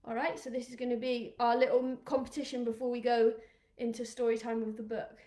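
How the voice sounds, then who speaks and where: An encouraging, upbeat woman from England leads little children through rugby games over a live stream, calling out countdowns. Her voice sits high and bright, and the room around her rings with echo. Now and then she is a little out of breath. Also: flat delivery, brisk. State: out of breath at times. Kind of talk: live online kids' exercise session.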